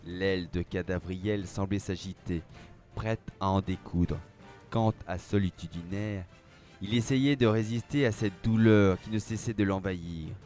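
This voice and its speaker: A man narrating a dark fantasy story aloud, with a measured, dramatic reading. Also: low-pitched. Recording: faint background music.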